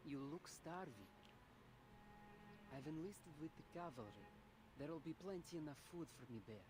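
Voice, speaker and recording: An actor playing a gentle, humble young farmer turned army recruit in a video game. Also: male voice, on the high side, animated, moderate pace, natural voice, low-quality recording. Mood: kind, humble. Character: earnest, generous young farmer man, new army recruit.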